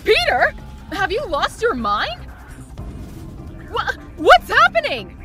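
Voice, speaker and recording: Woman playing bubbly, flirty Mary Jane, wildly animated. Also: very high-pitched, takes it slowly, full character voice. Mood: shocked. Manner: playful, theatrical, teasing. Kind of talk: comic dub voice acting. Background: music.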